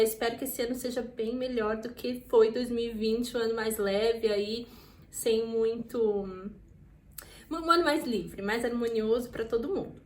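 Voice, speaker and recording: A young woman with a São Paulo accent talks through a casual vlog lesson, slowing down to model words. Her voice sits a little high. The room around her is echoey. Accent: Brazilian Portuguese, São Paulo. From Brazil. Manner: chatty, slows down to model words. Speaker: vlogger teaching French pronunciation.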